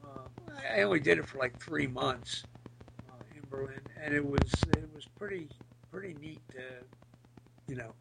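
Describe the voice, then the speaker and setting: A middle-aged man with a very gravelly, gritty rasp talks casually about old memories as a guest. He speaks haltingly and hunts for his words, in a slightly high register for a man. The recording is a little noisy, with clicks. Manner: halting, hesitant, searching for words. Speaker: podcast guest, former military band musician. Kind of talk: casual reminiscing interview.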